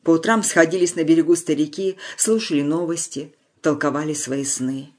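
A narrator reading a wartime village tale in a measured storytelling manner, slowing on solemn lines. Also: medium pitch, darkish tone. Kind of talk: scripted narration.

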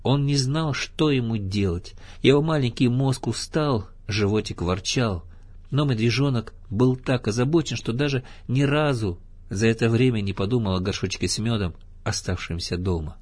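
Brief: male narrator for a children's story, breathy-edged, animated delivery. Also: medium pitch, moderate pace. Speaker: storybook reader. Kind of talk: scripted narration.

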